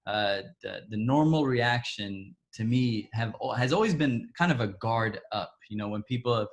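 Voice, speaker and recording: An Ethiopian man tells a personal story during an interview, speaking haltingly with frequent restarts and soft asides that trail off. His pitch is fairly low.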